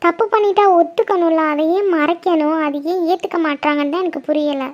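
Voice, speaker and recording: A woman's voice: very high-pitched, steady tone, a little fast, lo-fi sound. Woman voicing a hurt young mother-to-be. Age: young adult. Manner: earnest, hurt, steadily explaining. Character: young pregnant woman, abandoned by her lover. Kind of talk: cartoon drama voice acting.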